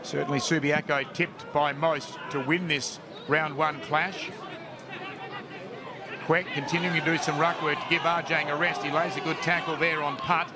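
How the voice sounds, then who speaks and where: A man's voice: a little high, level tone, normal speed. Australian man calling football over crowd noise. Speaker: football play-by-play commentator. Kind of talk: live sports commentary. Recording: crowd and noise behind live commentary. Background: crowd at outdoor ground.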